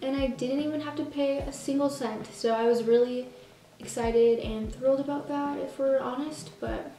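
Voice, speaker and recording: A woman's voice: sits high, steady tone, normal speed, far from the mic, background noise. A teenage girl chatting through a clothing try-on haul, bubbly and chatty with self-mocking asides. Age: teens. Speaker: vlogger. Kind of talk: casual try-on haul chat. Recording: roomy sound from off the mic.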